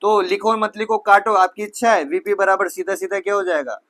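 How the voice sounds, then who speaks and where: A man's voice: sits high, fairly even intonation, fairly quick, a bit bright. A man teaching physics, talking students through each step with rhetorical questions, sometimes correcting himself mid-sentence. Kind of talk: whiteboard physics lecture.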